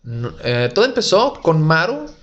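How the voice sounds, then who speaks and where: A man's voice: fairly high pitch, huge pitch swings, moderate pace, fairly bright tone, muffled recording. An Italian-born man in his young adult years, a comedian telling jokes and rambling stories in a casual interview. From Italy. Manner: joking, self-deprecating, rambling. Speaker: comedian guest.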